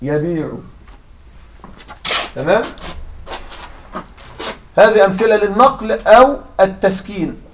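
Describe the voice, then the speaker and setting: A man with a high voice teaches a grammar lesson, patiently walking through each point and asking if the class is following. He sounds set back from the microphone, with a faint hiss under the voice. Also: animated, fairly quick, long pauses, recorded from a distance. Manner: patient, checks understanding with repeated questions.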